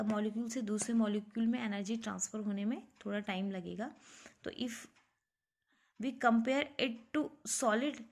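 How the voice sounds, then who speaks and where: A woman teaching a lesson, slowly explaining and asking the viewer questions. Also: mid-range voice, creaky, a little mellow. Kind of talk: classroom physics lesson mixing Hindi and English.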